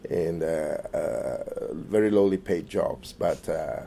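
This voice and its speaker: A middle-aged Malaysian man speaks hesitantly in an oral history interview, with many fillers and restarts, his phrases trailing off quieter at the end. He has a slow, bass voice with vocal fry. There's slight background noise.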